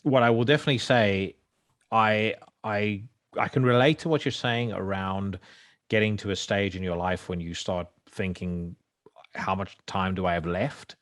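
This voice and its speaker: Deep-voiced stammering man in his forties. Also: fairly even intonation, moderate pace, fairly bright tone. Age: 40s. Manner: stammering, repeats words. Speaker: podcast host. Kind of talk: casual interview talk.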